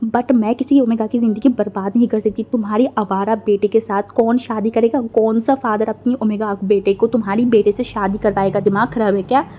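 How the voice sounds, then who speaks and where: A woman's voice: fairly high pitch, fairly even intonation, fairly quick, hardly any pauses, warm tone, a little hiss or hum, natural voice. Woman voicing a stern exasperated father. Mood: scolding. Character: stern, exasperated father scolding his wife.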